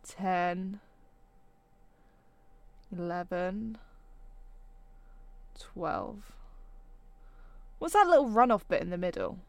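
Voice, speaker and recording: A woman's voice: on the low side, clean tone, no echo. A woman co-hosting a casual chat podcast, chatty and trailing off with ums, sometimes sounding sarcastic without meaning to. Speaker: podcast co-host.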